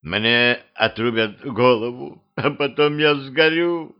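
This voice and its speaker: A man's voice: on the high side, unhurried, clean tone, highs cut off, pitched above the performer's own voice, lightly acted. A man voicing a self-pitying young vampire girl who whines and wails. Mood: whining. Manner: whining, wailing.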